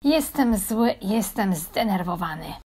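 A woman teaching a language lesson at an unhurried pace. Her voice is a little husky, and her delivery is calm and deliberate as she translates each phrase. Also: medium pitch. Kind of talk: slow, clear lesson narration.

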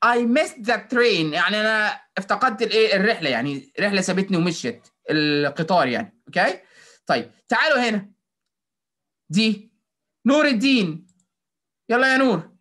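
A woman's voice: mid-range voice, animated, fairly quick, long pauses, fairly bright tone. A woman with an Egyptian accent teaching phonics to children over a video call, coaxing and praising them and mixing in English words. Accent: Egyptian Arabic. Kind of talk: online class drilling children.

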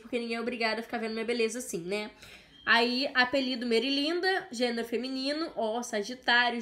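A woman's voice: fairly high pitch, a bit bright. A young Brazilian woman hosting a reaction vlog, playful and self-mocking, with exaggerated intonation. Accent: Brazilian Portuguese. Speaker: youtuber host.

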